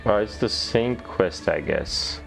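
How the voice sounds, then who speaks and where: Gamer guy, very low voice, laid-back play-by-play with hesitant restarts, faint music under it. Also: slow pace, gravelly. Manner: relaxed, thinking aloud, hesitant restarts. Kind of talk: gameplay commentary.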